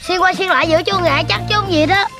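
A woman's voice: very high-pitched, fast, music in the background. A woman hosting a casual outdoor cooking vlog, teasing and complaining to her friends while explaining the steps to viewers. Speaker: vlog host. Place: outdoors in the countryside.

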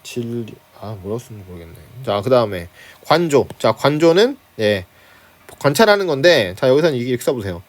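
Lively-pitched man teaching a literature class. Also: a little fast. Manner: conversational, keeps checking in with tag questions; starts phrases with a prompting filler, chuckles now and then. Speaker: high school Korean literature teacher. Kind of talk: online lecture on a class handout. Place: at home.

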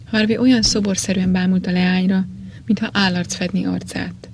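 A woman narrating a novel as an audiobook in a measured, steady way. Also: on the low side, a little hiss or hum.

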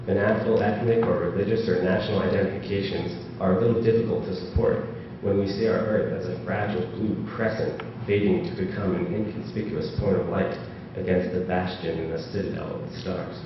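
Speaking from the floor of a large auditorium during a panel, this male audience member has a deep, steady voice and talks briskly with hardly any pauses. He fills his speech with hesitant ums but reads quotations with more force, his voice climbing and getting louder. The recording is distant, dull and echoey, with noisy background.

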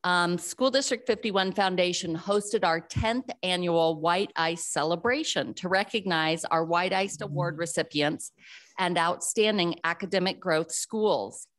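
A woman's voice: on the low side, unhurried. Earnest woman speaking at a podium. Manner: earnest, with frequent fillers. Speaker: school district foundation director. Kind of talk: public remarks at a podium. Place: city council chamber. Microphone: podium microphone.

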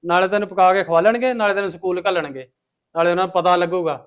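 A man's voice: sits high, fairly even intonation, fast talker, muffled recording. A man playing an uncle and brother who lectures and reassures his family in a web drama. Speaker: brother and uncle giving advice.

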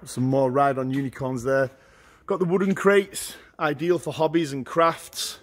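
A middle-aged man walking through a large warehouse, listing auction lots in short, brisk phrases as he goes. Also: mid-range voice. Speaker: auctioneer giving a viewing tour. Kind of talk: walking tour commentary. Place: large indoor warehouse with shelving.

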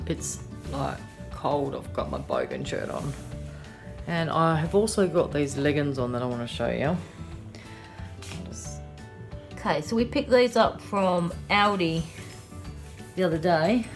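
An Australian woman chatting casually about her shopping, rambling with lots of ums and yeahs, recorded on a phone in a car at night. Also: sits low. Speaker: vlogger. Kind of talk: casual haul chat.

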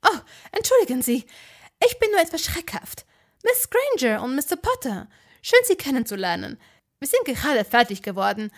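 A woman's voice: sits high, sing-song, normal speed, full character voice. A woman voicing a flustered, talkative middle-aged witch from a ministry in a fan audio drama. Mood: eager. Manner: jumpy, eager, chatty.

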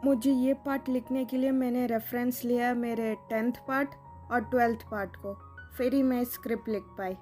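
A woman's voice: on the high side, steady tone, moderate pace, a little mellow, soft background music. A woman who runs the channel, chatting casually to her viewers and calling them guys. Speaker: channel creator.

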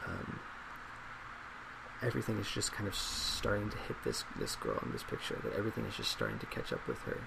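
In this ASMR role play, a twenty-something man takes on the part of a psychologist, reading and reflecting on responses in a hushed, fairly quick manner. His voice is low with strong creak, he is at a desk in a small indoor office, and a laptop fan hisses loudly and steadily nearby.

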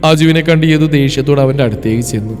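A male storyteller giving scripted narration in an even, measured reading. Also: mid-range voice. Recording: reverberant with background music.

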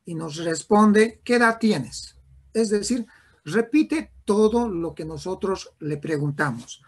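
A man gives a neurology lecture at a deliberate, unhurried pace. His voice is slightly husky. He restates terms and checks in with the class. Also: high-pitched, animated. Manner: slow, repetitive, with frequent restarts and checks of "¿ya?".

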